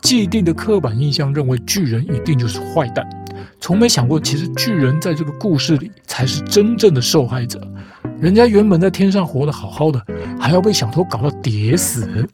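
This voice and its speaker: This man retells fairy tales on his podcast with teasing, playful, mock-reasonable remarks as guitar music plays. His voice is on the high side, sing-song and a little fast.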